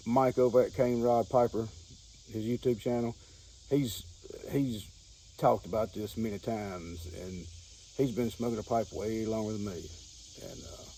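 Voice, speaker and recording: A man with a mellow, relaxed voice and a Southern American accent chats in an unscripted vlog style. He is folksy and rambles, often repeating his phrases. He is recorded outdoors, with crickets and insects clearly audible behind him. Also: mid-range voice, a little hiss or hum, rough recording. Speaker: pipe-smoking hobbyist video host. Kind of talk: casual unscripted vlog talk.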